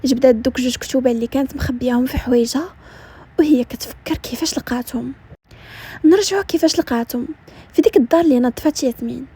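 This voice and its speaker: Woman, Moroccan Arabic accent, story narration, brisk, dark mellow tone, fast. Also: high voice, husky.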